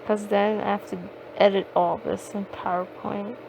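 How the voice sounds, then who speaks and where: A woman's voice: mid-range voice, little pitch movement, moderate pace, gravelly, background noise. A woman hosting a podcast, rambling casually with lots of fillers and swearing, recorded on her phone. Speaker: podcast host. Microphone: phone microphone.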